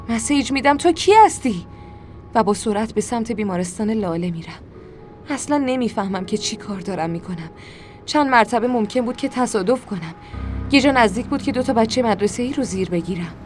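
A woman narrating a dramatic first-person story in an emotional voice. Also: medium pitch. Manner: emotional, shifts to screaming anger in dialogue. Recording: music behind.

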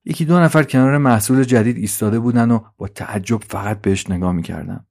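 A man giving a calm, measured scripted story narration. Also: medium pitch, gravelly.

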